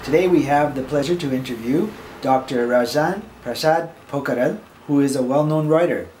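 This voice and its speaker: A man's voice: medium pitch, normal speed, darkish tone. A man hosting an interview, welcoming the guest and asking short polite questions. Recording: echoey room with faint noise.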